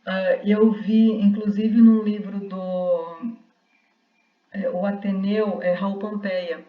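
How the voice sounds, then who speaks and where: A woman's voice: mid-range voice, level tone, slow pace. A woman, giving a university lecture in an explanatory way with frequent restarts. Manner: explanatory, with many restarts and rhetorical "né?". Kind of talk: online class lecture. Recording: roomy, distant, dull lo-fi sound.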